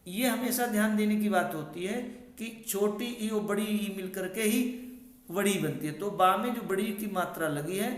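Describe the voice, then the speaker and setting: A man's voice: high voice, normal speed, echoey room. A man teaching a grammar lesson to students. He repeats key points and checks in with short questioning asides.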